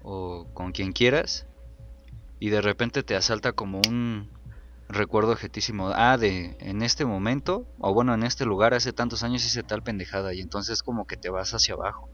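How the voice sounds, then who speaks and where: A man co-hosting a podcast, talking in a relaxed, reflective way with frequent fillers. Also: on the low side, moderate pace. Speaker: podcast co-host. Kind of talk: casual chat about song lyrics. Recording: dull lo-fi sound.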